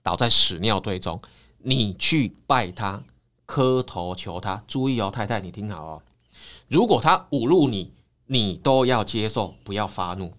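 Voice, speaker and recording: A man voicing a stern, weary male Taoist priest in a low, hushed way. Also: expressive, a little slow. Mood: grave.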